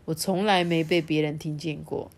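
A woman voicing an odd ride worker in a storybook reading, hushed and deadpan. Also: low-pitched, normal speed, natural voice.

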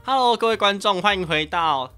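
A young man in his twenties with a Taiwanese Mandarin accent, hosting a casual podcast and telling a story in a loud, animated, ranting way. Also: sits high, a little fast, loud music behind the voice. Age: 20s. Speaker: podcast host.

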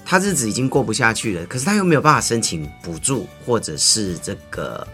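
A man hosts a casual talk show interview, talking in a lowish voice. He is chatty and laughs softly at the ends of phrases, with faint music running under him. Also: sing-song, brisk. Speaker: radio talk show host.

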